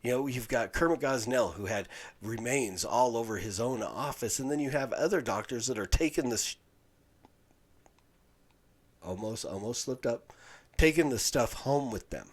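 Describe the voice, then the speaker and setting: A man hosting a podcast, giving a halting, indignant commentary with many restarts. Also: medium pitch, animated. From Utah, USA. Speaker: podcast host. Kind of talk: casual commentary monologue.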